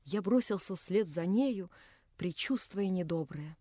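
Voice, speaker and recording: A woman reading a literary novel aloud as an audiobook narrator, in a measured, expressive way. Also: fairly low pitch, dry recording, studio quality.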